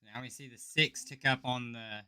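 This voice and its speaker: Man, card game commentator, explains each play, smooth resonant voice, bright tone. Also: medium pitch, fairly even intonation, normal speed, no echo.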